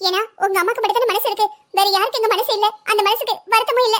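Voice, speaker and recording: A woman doing a shrill, sarcastic young wife. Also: fairly even intonation, rapid-fire, fairly bright tone. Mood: bitter sarcastic. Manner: sarcastic, biting. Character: young pregnant wife, bitter and sharp-tongued. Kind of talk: Tamil cartoon drama voicing.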